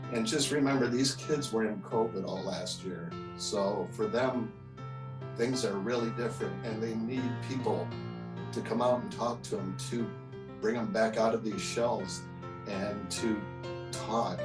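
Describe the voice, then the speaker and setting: A speaker giving a short, earnest thank-you speech for a youth program. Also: medium pitch. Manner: earnest, heartfelt. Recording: roomy, distant, loud guitar music.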